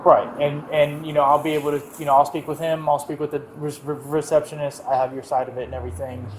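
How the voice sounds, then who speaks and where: A man on police duty talks someone down in an even, reassuring tone, his voice sitting a little high. The body-camera audio carries the echo of a hard lobby and a faint hum of background noise. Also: quick pace. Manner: calm, reassuring, repeats "right?". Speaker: police officer. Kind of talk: calm de-escalating talk.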